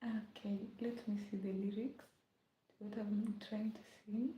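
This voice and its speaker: A woman's voice: mid-range voice, flat delivery, a little slow, muffled recording. A young woman from Kenya chatting casually on a live stream, often slipping into a whisper. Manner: chatty, often drops to a whisper, hums song lines. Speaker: livestreamer. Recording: echoey room.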